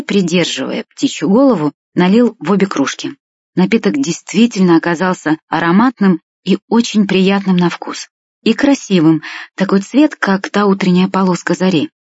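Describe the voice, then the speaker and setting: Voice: mid-range voice, animated, normal speed, darkish tone, husky, no echo. A reader narrating a first-person story in a plain, wry, confiding way. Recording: dull lo-fi dry recording.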